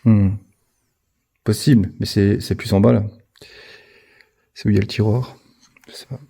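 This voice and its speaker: Very dark-voiced man ghost hunting. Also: lowish voice, fairly even intonation, moderate pace, vocal fry, roomy sound. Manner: short agreeing replies and loud calls to spirits. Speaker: paranormal investigator. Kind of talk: live ghost-hunting commentary. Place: large abandoned manor indoors.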